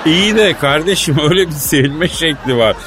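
A man's voice: on the high side, brisk, some chatter behind, slight background noise. Playful male radio comedy host. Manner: playful deadpan straight man, mock-formal.

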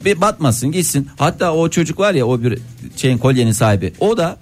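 A man's voice: fairly high pitch, very animated, brisk, a little mellow, soft background music. A man hosting a morning radio show, bantering and joking with his co-hosts. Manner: playful, hums and clowns around.

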